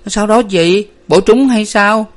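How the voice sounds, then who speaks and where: A man's voice: sits high, quick pace, pitched above the performer's own voice, natural voice. Man voicing a timid, fearful younger sister. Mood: frightened. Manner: whimpering, anxious.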